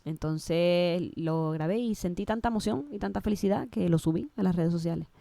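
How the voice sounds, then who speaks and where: A woman's voice: lowish voice, moderate pace, vocal fry, warm tone, no room sound. A woman with a Canary Islands Spanish accent, a guest in an interview, speaking emotionally and often restarting and repeating her words. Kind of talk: casual interview conversation.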